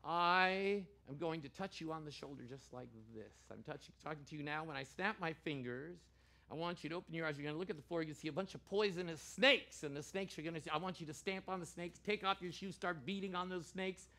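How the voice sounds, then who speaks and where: A man working as a stage hypnotist in a live show, giving deliberate, commanding countdowns and repeated suggestions. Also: on the high side. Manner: shouts excited commands to start the action.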